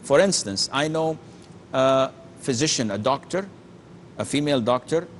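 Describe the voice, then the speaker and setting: A man's voice: mid-range voice, lively intonation, moderate pace, slight background noise. Earnest, emphatic male sheikh. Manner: earnest, emphatic, with frequent restarts and Arabic phrases. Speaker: sheikh answering callers' questions. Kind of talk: call-in religious Q&A.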